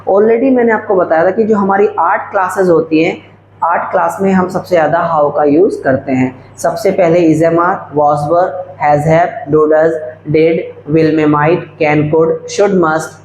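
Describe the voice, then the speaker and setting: A man's voice: a little high, darkish tone. Guy teaching english, drags out each word, roomy echo. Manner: slow, drawn-out dictation of English examples. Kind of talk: classroom-style video lecture. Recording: echoey room, faint background hum.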